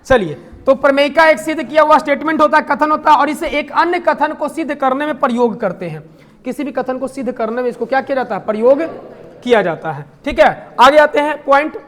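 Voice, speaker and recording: A man teaching a math class, firing questions at the class, answering them himself and slipping in jokes. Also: very high voice. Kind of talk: classroom lecture.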